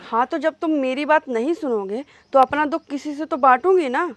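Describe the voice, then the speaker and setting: High-voiced nagging wife, faint noise. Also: female voice, a little fast. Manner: nagging, taunting and insistent. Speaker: wife in a comedy sketch. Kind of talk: scripted comedy sketch acting.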